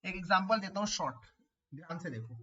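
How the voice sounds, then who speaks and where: A man's voice: high-pitched, animated, a little fast, pushed and bright, breathy edge, lo-fi sound. A man teaching a chemistry class online, explaining step by step and repeating key terms, asking his students questions. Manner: addresses students as beta, asks them questions.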